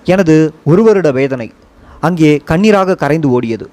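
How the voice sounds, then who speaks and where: Man narrating an audiobook, a touch high. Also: animated, a little mellow. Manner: measured, reflective storytelling. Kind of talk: scripted first-person narration.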